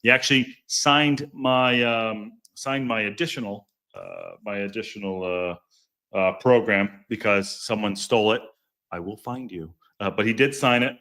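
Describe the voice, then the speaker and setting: Here the podcast host sounds expressive and unhurried, his deep, strong voice pushed and bright as he jokes with live-stream viewers and reads their comments. He rambles chattily, tripping over words and restarting his sentences.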